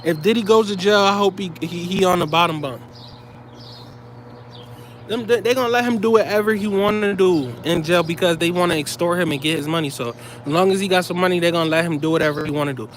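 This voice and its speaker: A man's voice: sits high, quick pace, slight background noise. A man delivering heated, profane commentary straight to his viewers, blunt and scolding.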